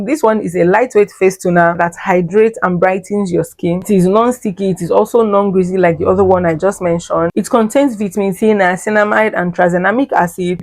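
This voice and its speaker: A woman's voice: mid-range voice, darkish tone, no echo. A woman reviewing skincare products in a chatty vlog style. She often tags her sentences with "okay" and "right?". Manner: addresses viewers fondly as "my loves". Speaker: beauty vlogger.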